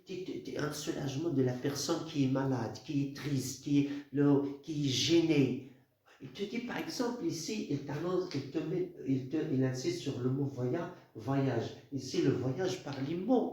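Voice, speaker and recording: Halting male teacher explaining a poem, slightly high voice, booming echo of a bare room. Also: darkish tone. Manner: halting, repeats words, stresses key phrases. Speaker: literature teacher. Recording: very echoey room.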